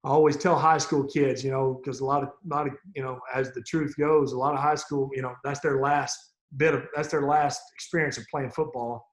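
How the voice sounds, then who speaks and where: A middle-aged man reminiscing casually on a video call. He rambles, restarts his sentences and chuckles often. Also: medium pitch. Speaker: former player on a team reunion call.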